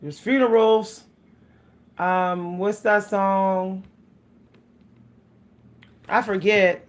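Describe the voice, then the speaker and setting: Chatting with viewers on a casual livestream, a woman host speaks extremely slowly in a steady, mid-range voice. She laughs often and breaks into singing from time to time.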